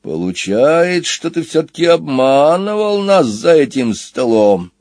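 A man's voice: a little high, big pitch swings, a little slow, a little mellow, no echo, studio quality, voice pushed up. A man voicing a stout, suspicious wolf gambler who talks bluntly and menacingly, in a storybook reading.

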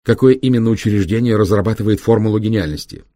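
A man's voice: fairly low pitch, fast, mellow, dry recording, clean studio sound, voice pushed up, close to an everyday voice. A man reading an audiobook, voicing an indignant male doctor who leads a mission and protests on moral grounds. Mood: firm. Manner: agitated, morally outraged.

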